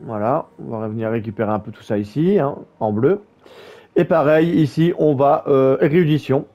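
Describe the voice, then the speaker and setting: Male gaming YouTuber, casual guide voice-over, lots of fillers, mellow tone, muffled lo-fi sound. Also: mid-range voice. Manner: halting, many fillers and restarts.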